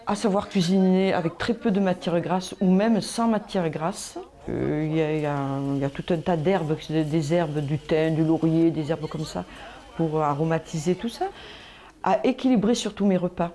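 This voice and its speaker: Hesitant reflective woman, warm low voice. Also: normal speed. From France. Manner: hesitant, reflective, many fillers. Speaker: hospital nutrition workshop participant. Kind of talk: documentary interview testimony.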